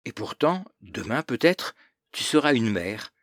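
A man's voice: mid-range voice, big pitch swings, measured pace, a bit bright, dry recording, clean studio sound. A man voicing a stern, pious older aunt who lectures her niece with self-satisfied moralizing. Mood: lecturing.

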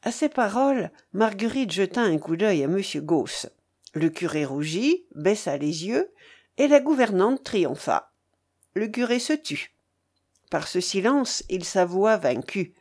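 A woman reading a novel aloud as narrator, in measured, expressive storytelling. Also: mid-range voice. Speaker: reader.

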